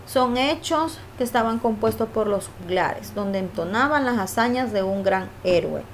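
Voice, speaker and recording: A woman's voice: mid-range voice, expressive, a little hiss or hum. A woman teacher giving a review lesson, explaining patiently and often checking in with her students. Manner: slow, explaining patiently with filler "¿verdad?" and "eh".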